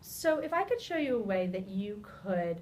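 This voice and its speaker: A woman practices a sales pitch, putting questions to a client in a rehearsed business manner. She sounds set back from the microphone, with some low rumbling noise behind her. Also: big pitch swings, moderate pace, darkish tone. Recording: distant mic, rumbly background noise.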